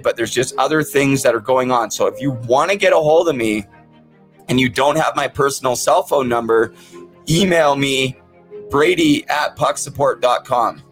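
A man with the toothless speech of someone missing his teeth, hosting a podcast and talking casually, earnestly and plainly to his viewers. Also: mid-range voice. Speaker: podcast host. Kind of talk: casual, sincere talk to viewers.

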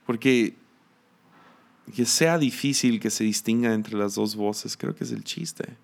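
A man's voice: lowish voice, slow pace, vocal fry. A man with a Mexican accent, teaching a conversational sermon in a reflective, chatty way. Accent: Mexican Spanish. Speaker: preacher.

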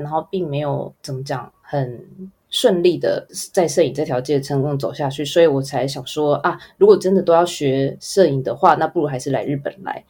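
Low-voiced Taiwanese woman, casual and rambling. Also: warm tone, slightly rough. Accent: Taiwanese Mandarin. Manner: rambling, informal, trailing list phrases. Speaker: guest, advertising photographer. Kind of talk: casual interview answers.

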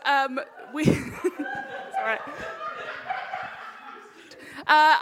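Chairing a live panel in a hall, a woman puts questions to the guests in an informal, casual manner. Her voice is a little high and fairly bright, and the echoey hall gives it a long reverb.

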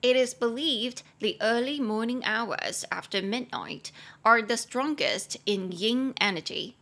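A woman with a Taiwanese Mandarin accent hosts a bilingual English lesson podcast. She talks in a lively, giggly way and reads the English example lines slowly. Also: on the high side.

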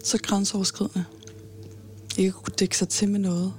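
A woman in her twenties giving a halting personal account in an interview, with many fillers and restarts. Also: medium pitch, level tone, a little mellow, a little hiss or hum. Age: 20s.

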